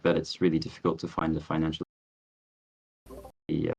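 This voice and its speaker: A man pitching a project over a video call, talking hesitantly with many fillers while his audio cuts out and his volume keeps jumping up and down. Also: completely flat delivery, brisk. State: audio cutting out, volume rising and dropping. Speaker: startup founder pitching a project.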